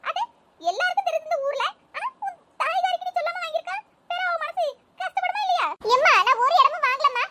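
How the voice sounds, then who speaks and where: Very high, chipmunk-like cartoon village women who gossip at a rapid clip. The squeaky voices race along over a loud hiss. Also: female voice. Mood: chatty. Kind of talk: animated cartoon comedy voices.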